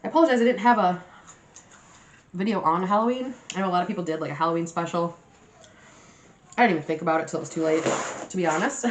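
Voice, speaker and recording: Low-voiced woman doing a casual mukbang chat. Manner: eating messily while talking, mukbang style; sweary, slangy storytelling with acted-out quotes. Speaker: mukbang video host. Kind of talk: casual chat to viewers while eating.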